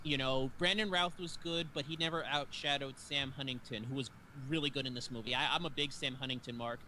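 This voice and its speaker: A man hosting a casual film chat, animated and given to acting out scenes. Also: medium pitch, brisk, slight background noise. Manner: animated, acts out scenes in raised voices. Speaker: host.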